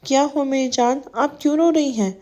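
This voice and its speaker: A man's voice: very high-pitched, mellow. Daim, a doting young husband, read by a woman. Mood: affectionate.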